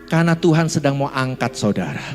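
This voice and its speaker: A man preaching a sermon as pastor, in a lively, joking way, often calling out to the congregation. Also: medium pitch, fairly quick. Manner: lively, jokey, calls out to the congregation. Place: church hall. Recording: long hall reverb with music behind.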